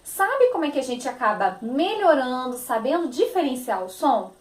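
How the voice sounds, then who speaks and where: A woman's voice: high voice, very animated, normal speed, roomy sound. A woman teacher with a Brazilian Portuguese accent, giving a phonics lesson to young children, stretching out words in a sing-song, affectionate manner.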